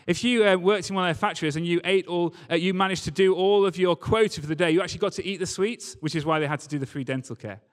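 Speaking quickly with few pauses in a high-pitched voice, a male preacher gives a conversational, storytelling sermon full of emphatic repetition. It was captured live in a large church hall with lots of reverb.

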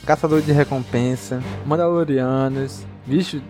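A man's voice: medium pitch, steady tone, a little slow, a little mellow. A man with a Brazilian Portuguese accent co-hosting a podcast, chatting casually and effusively in slangy, emphatic fan talk. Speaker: podcast co-host. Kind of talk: excited casual fan chat. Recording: music behind the voice. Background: music.

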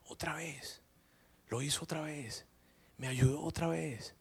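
A man's voice: high voice, expressive, quick pace, bright, forceful tone, pitched above the performer's own voice, full character voice. A man voicing a weary, self-doubting fisherman disciple in a sermon story. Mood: awed whisper.

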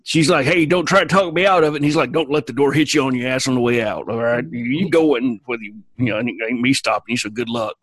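A man's voice: mid-range voice, fast talker, few pauses, a bit bright, no room sound, close to an everyday voice. A man co-hosting a podcast, playing a boastful, crude Southern space crewman who rambles through a recap, full of fillers and restarts. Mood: rambling. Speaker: podcast co-host. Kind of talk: comic in-character recap.

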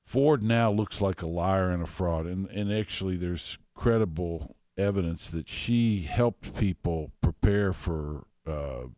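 Scornful deep-voiced male radio host. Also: unhurried, hardly any pauses, dark tone, dry recording, studio quality. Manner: combative, scornful, reads with asides and fillers. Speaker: radio talk show host. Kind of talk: political talk radio monologue, reading commentary aloud. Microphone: radio studio microphone.

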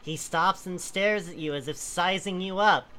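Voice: medium pitch, moderate pace, bright, forceful tone. A person reading a comic story aloud to friends, breaking off into casual, amused asides.

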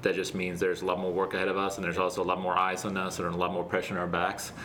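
A man answering interview questions casually as a guest, speaking in an earnest, reflective and halting way. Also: sits low, monotone, fairly bright tone, a little hiss or hum. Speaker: interview guest, startup founder.

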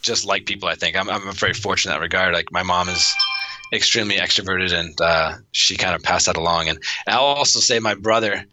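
A man's voice: deep voice, a little fast, noisy background. A man in his thirties talking casually as an interview guest, rambling with lots of restarts and fillers. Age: 30s. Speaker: podcast guest.

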